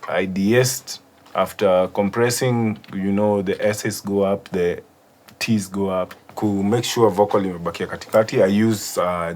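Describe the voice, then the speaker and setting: A man's voice: fairly low pitch, darkish tone. A man with a Kenyan accent giving a casual studio walkthrough as a music producer, switching between languages. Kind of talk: casual studio walkthrough mixing English and Swahili.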